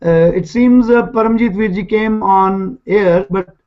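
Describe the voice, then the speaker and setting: Very high-voiced man moderating politely. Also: unhurried. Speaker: discussion host. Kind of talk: moderating a religious discussion. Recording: dull lo-fi online call audio.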